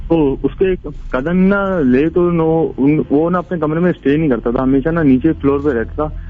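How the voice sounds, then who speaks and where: A man's voice: on the high side, moderate pace. A man calling in to tell a ghost story in a rambling, casual way, with many restarts. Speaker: caller. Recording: tinny phone line.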